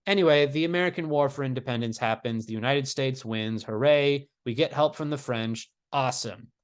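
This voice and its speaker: Lively, conversational male history teacher. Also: fairly high pitch. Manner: conversational, with dry sarcastic asides. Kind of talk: casual video lecture.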